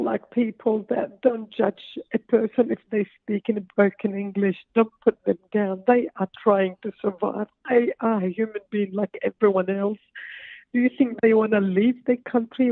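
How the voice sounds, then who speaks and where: A woman's voice: fairly high pitch, no room sound. A woman from Lebanon, an author guest speaking earnestly from her home over the phone, with hesitant fillers. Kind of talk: phone interview. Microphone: phone line. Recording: tinny dry phone line.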